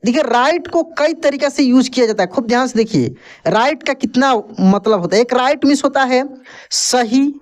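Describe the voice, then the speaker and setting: A man's voice: extremely high pitch, expressive, moderate pace. A man teaching English vocabulary in a lesson, spelling each word letter by letter, then repeating it and its meaning patiently, often checking in with the listener.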